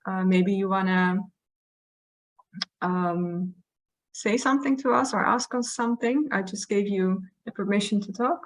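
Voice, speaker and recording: A woman's voice: mid-range voice, measured pace, rough recording. A woman hosting an online session informally, moderating questions in a hesitant way and searching for her words.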